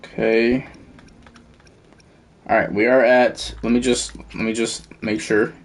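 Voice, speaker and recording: A game streamer gives casual live commentary, thinking aloud informally as he plays. His medium-pitched voice moves little in pitch and stays slow, with faint game music in the background.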